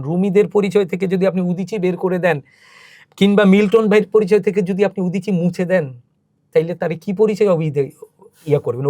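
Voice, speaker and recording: In clean, dry studio sound, a man with a high-sitting, dark-toned voice gives impassioned interview talk. He's a cultural organizer on a podcast, telling emotional, emphatic stories with mounting intensity.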